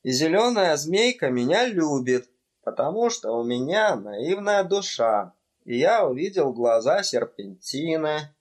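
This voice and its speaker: A male reader voicing an excitable young student in a storybook, fervent and a bit raised. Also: fairly high pitch, a little slow, voice pushed up. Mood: excited. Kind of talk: audiobook character voice.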